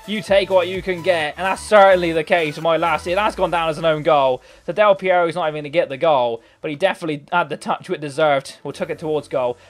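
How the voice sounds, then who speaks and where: In a hot bedroom, a hoarse young gaming commentator calls his football video game match live, muttering low in quiet moments and exploding into excitable shouts whenever he can. Light background music plays beneath his voice.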